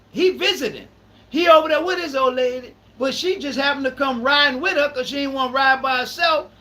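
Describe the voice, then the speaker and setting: A man's voice: extremely high pitch, bright, forceful tone, rough recording. A man, hosting a live podcast in casual talk and repeating phrases for emphasis. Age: 30s. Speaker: podcast host.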